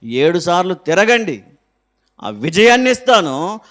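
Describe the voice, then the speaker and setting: A man voicing God as a stern divine figure who firmly rebukes a leader, dropping well below his own pitch. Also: big pitch swings, measured pace, a bit bright, exaggerated voice. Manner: low, firm, scolding.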